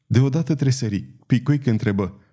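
A man narrating an audiobook in an expressive storytelling manner. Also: medium pitch. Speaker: audiobook reader.

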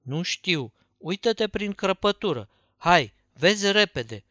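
A man reading the part of a nervous, mischievous young boy, speaking hushed and urgent, in an audiobook. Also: sits high, animated, no echo. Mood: tense.

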